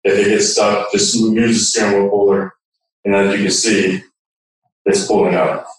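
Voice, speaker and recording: Talking at normal speed with a fairly low pitch and a completely flat delivery, a man walks through a hands-on technical demonstration in a conversational way. The microphone sits at a distance in an echoey room.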